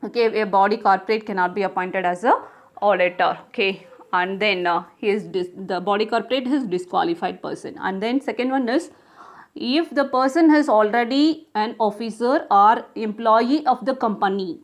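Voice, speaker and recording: A woman's voice: a little high, normal speed. A woman with an Indian accent giving a formal lecture, reading out legal provisions and punctuating them with "okay" and "so" as a teacher does. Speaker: assistant professor giving a lecture.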